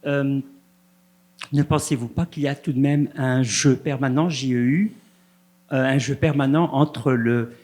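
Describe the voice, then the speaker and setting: A man in the audience asking a long, polite question, pausing often and hesitating. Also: mid-range voice, fairly even intonation, darkish tone. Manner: hesitant, many "euh" pauses, polite. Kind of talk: halting question from the floor.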